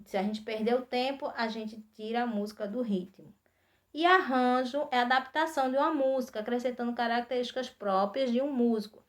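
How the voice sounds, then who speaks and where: A woman's voice: fairly high pitch, fairly even intonation, fairly quick. A Brazilian woman teaching an arts class to young children, patiently explaining steps and often checking in with the kids. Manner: patient, repeats instructions, frequent "tá?" checks. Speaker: primary school arts teacher.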